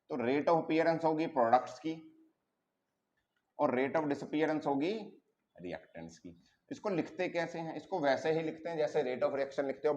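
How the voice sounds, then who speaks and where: A man's voice: on the high side, darkish tone, lo-fi sound. Man teaching chemistry in Hinglish. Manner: explains step by step, checks in with the students. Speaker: chemistry tutor. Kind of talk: classroom lecture at a board.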